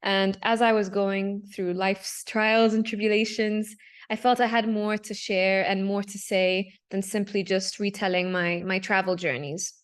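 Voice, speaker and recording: A woman's voice: mid-range voice, steady tone, measured pace, clean tone. Young woman walking folks thru her art on a video call, chatty, lots of ums and restarts. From Palestinian, raised in Dubai. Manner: casual and candid, with frequent fillers and self-corrections. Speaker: panel speaker, digital artist. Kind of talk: presenting her artwork to an audience.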